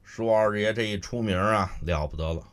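A man's voice: on the low side, normal speed. A man with a Beijing accent performing solo comic storytelling, chatty, with explanatory asides to listeners. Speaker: solo crosstalk comedian.

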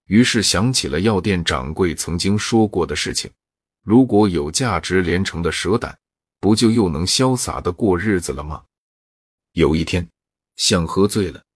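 A man narrates a folk tale in a steady, even way. His voice is low and husky. The sound is dry and close. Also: no echo. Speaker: storyteller.

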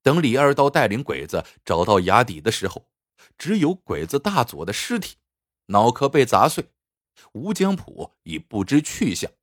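A man narrating a folk story for listeners in an expressive storytelling manner. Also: medium pitch, moderate pace, dry recording, clean studio sound.

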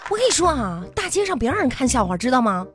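A woman's voice: high-pitched, big pitch swings, fast talker, a bit bright, a faint crowd. A woman playing a bossy, nagging wife in a live comedy radio sketch, with music behind her. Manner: scolding, insistent nagging. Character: bossy, nagging wife, quick to take offense. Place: radio studio.

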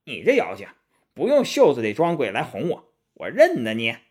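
A man voicing a cocky, loyal monkey king hero in a raised, lively storybook voice. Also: normal speed. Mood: scornful. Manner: brash and excitable, high-pitched.

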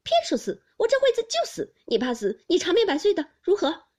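Woman reader doing a touchy young noblewoman, high, loud and husky, reproachful and sulky. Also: big pitch swings, normal speed. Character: young noblewoman, sharp-tongued, touchy and tearful. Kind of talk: audiobook character reading.

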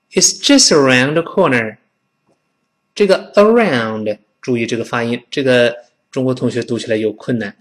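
Lively male English teacher from China. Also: medium pitch. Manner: lively, demonstrative, models pronunciation slowly and repeatedly. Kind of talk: spoken English lesson.

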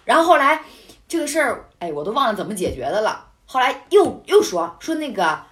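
A woman recounts a story in relaxed, casual conversation. Her pitch swings widely as she tells it, and she breaks into indignant, animated outbursts. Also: fairly quick. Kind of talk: casual chat.

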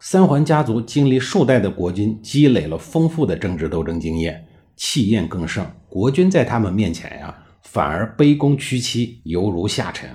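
A man narrating history as a chatty storyteller who drops in colloquial drawn-out particles. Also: lowish voice, sing-song, mellow.

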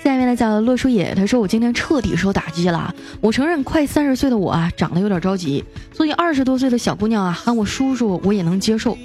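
A warm-toned woman's voice on the high side, full of lively intonation, reads listeners' jokes over soft background music. The radio host is playful and chatty, adding teasing comments of her own with drawn-out particles for a lively comic feel.

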